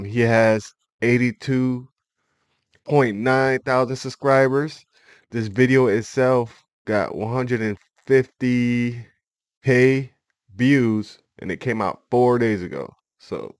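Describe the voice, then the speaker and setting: A man's voice: fairly low pitch, no room sound, studio quality. A man hosting a reaction video, talking casually with slang and laughing at what he watches. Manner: laid-back, laughing, colloquial slang.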